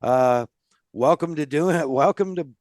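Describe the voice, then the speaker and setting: A man's voice: on the high side, unhurried, a little mellow, no room sound, clean studio sound. A man hosting a casual podcast, friendly and loose, laughing often. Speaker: podcast host.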